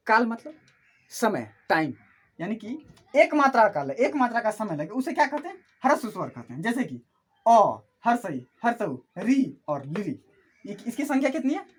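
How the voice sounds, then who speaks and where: A woman's voice: sits high, slightly rough. A woman teaching an online class who asks questions and answers them herself, repeating each key term.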